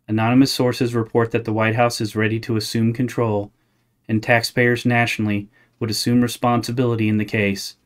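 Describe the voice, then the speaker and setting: A man reading scripted satirical news as a parody news anchor, presenting absurd items as straight news. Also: mid-range voice.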